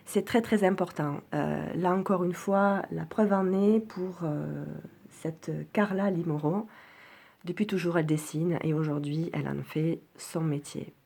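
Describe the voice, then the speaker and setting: Low-voiced French woman, soft and earnest, halting delivery with fillers, casual video review. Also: husky. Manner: hesitant, many fillers and restarts. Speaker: oracle card reviewer. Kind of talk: casual spoken product presentation.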